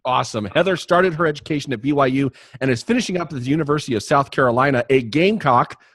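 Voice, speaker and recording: A man's voice: mid-range voice, fast talker, fairly bright tone, no room sound, studio quality. A man hosting a podcast, chatting in a jokey, rambling way with many restarts. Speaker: podcast host. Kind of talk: casual podcast chat and promo read.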